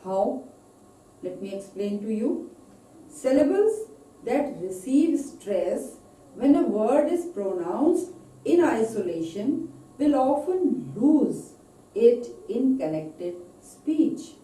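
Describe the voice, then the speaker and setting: A woman with an Indian English accent teaching English pronunciation in a recorded lecture, slowly stretching out example words. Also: fairly high pitch, warm tone, far from the mic. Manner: slow, deliberate, drawn-out example words. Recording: echoey room, voice off-mic.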